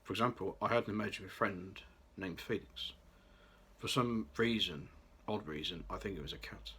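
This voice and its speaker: Speaking at a normal pace, a young man in his late 20s from Birmingham, England, has a low, bright voice with a breathy edge. He carefully reads out a scripted personal vlog, restarting every so often.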